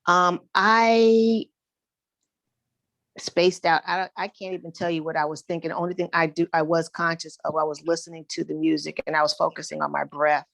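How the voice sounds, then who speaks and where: A woman in a meditation group talking in a slow, reflective, loosely rambling way about her experience, on a video call. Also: deep voice, level tone, gravelly, a bit bright, dry recording.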